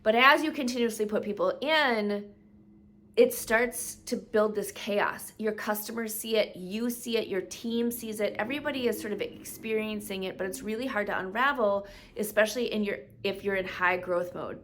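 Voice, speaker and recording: A woman talks through her own business podcast at an easy, mid-range pitch. She keeps it conversational, tosses in rhetorical questions, and slips into quick put-on voices when she quotes customers. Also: fairly bright tone, slight background noise. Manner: conversational, explains with rhetorical questions and frequent "right?". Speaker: podcast host, business coach. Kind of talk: solo podcast talk.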